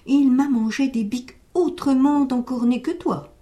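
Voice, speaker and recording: A woman's voice: high voice, a little slow. A woman doing a fretful old goat farmer. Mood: alarmed. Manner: pleading, exclaiming loudly. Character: worried kindly old male goat farmer. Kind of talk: storybook reading.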